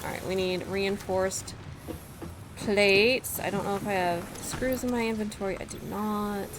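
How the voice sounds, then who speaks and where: A woman streamer giving casual gameplay commentary, excitable, thinking aloud and laughing often. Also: medium pitch, measured pace, noisy background. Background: game music.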